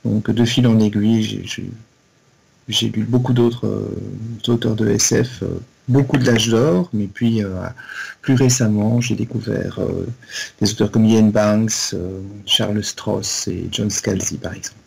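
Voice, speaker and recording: A man, co-hosting a casual podcast chat and talking in a halting way, with many restarts. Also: on the low side, steady tone, vocal fry, darkish tone, slightly rough. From Belgium. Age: 40s. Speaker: podcast co-host.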